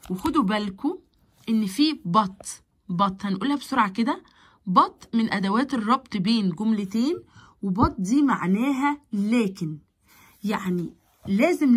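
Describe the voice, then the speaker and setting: A patient woman teacher with an Egyptian Arabic accent walks young pupils through English grammar. Her voice sits a little high and has a husky edge. She repeats key words and keeps checking with the class. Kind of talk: explaining grammar to primary pupils.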